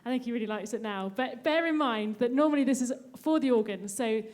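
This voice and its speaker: A woman's voice: a little high, brisk, a little mellow. A woman violinist introducing the next piece to a live audience on a cruise ship stage, friendly and upbeat, through a stage mic.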